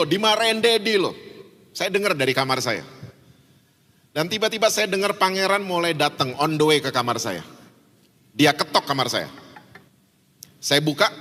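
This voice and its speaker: A middle-aged pastor from Indonesia preaching a sermon, telling stories with animated delivery and acting out the voices of the people in them. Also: male voice, high voice, big-room sound. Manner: animated storytelling, acts out quoted voices.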